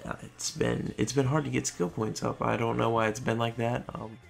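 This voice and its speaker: A tired man hosting his gaming channel, talking casually in a low-key monotone over gameplay late at night and now and then tripping over his words. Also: normal speed, vocal fry, soft background music.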